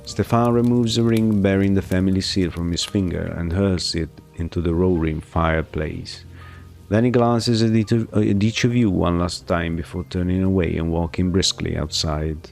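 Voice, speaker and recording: A man streaming a narrative game, reading its text aloud and commenting, often pausing to puzzle over how a word is pronounced. His voice is very deep and gravelly, and soft music plays faintly behind him.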